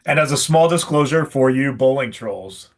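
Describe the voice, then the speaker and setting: A man's voice: medium pitch, animated, moderate pace. A man hosting a casual live stream for a shop, talking in a chatty, salesy way with lots of fillers. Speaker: pro shop host.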